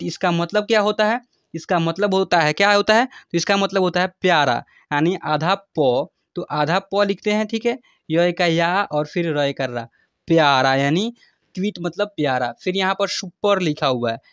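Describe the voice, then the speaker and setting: A man teaches a lesson, stretching words out as he spells them letter by letter. He keeps asking his students questions and answers them himself. The sound is dry and close, with no room echo. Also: high voice. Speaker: English teacher on a video channel. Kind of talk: spoken lesson.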